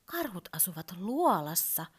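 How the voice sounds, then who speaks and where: A woman voicing a male toy bear who patiently explains things, his voice climbing higher. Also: sing-song, breathy edge. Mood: explaining. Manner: explains, growing exasperated and shrill.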